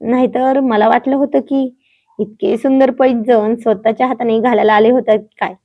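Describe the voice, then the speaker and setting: A woman's voice: fairly high pitch, steady tone, moderate pace, dull audio. A woman voicing a bashful young woman who speaks coyly to her beloved. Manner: shy, coy.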